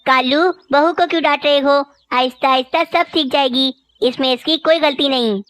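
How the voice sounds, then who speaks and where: A pleading, complaining old mother crow from a cartoon, voiced by a woman. Her voice sits high and comes across dry and close. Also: normal speed, a bit bright, no room sound. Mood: plaintive. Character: old female crow mother-in-law, meek and tearful. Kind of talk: cartoon voice acting.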